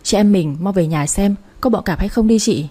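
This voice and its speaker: A woman's voice: medium pitch, normal speed, mellow, close to an everyday voice. A woman reading the part of an anxious, flustered sister-in-law in a spoken story.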